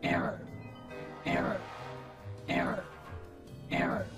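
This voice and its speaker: A man voicing a malfunctioning robot agent with a glitching machine voice, giving clipped, repetitive status reports in a video game. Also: slow. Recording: game audio with loud music behind.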